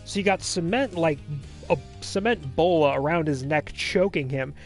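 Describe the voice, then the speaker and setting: A man hosting a let's play, chatting casually and recapping a film in a rambling, animated way full of fillers. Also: on the high side, moderate pace, soft background music.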